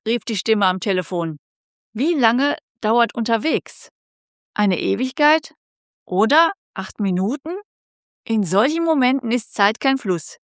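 A woman reading a tense story aloud as narrator, with slow, measured delivery. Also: a little high, dry recording, studio quality. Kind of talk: scripted narration.

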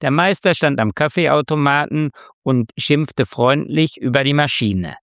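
A man narrating a story in a measured, expressive way. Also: fairly high pitch, no room sound, clean studio sound. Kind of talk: scripted narration.

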